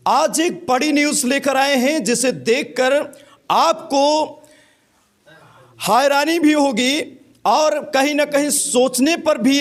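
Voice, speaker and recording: A man's voice: extremely high pitch, fairly bright tone. A man reporting local news on location from a village panchayat hall, addressing viewers emphatically.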